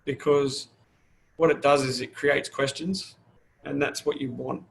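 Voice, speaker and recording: A middle-aged fire service manager speaks openly in a casual interview, rambling and often restarting his sentences. His medium-pitched, gravelly voice holds a steady tone at a measured pace, with a slight hiss or hum on the recording.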